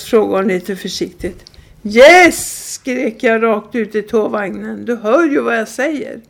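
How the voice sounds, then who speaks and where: A woman reading a humorous first-person story aloud from a book, in a deadpan storytelling manner. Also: fairly high pitch, vocal fry. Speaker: reader.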